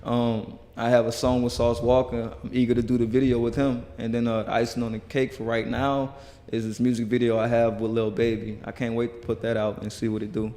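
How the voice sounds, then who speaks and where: Earnest rambling man, flat delivery. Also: medium pitch, a little fast. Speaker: guest musician. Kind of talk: casual interview talk. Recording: reverberant hall.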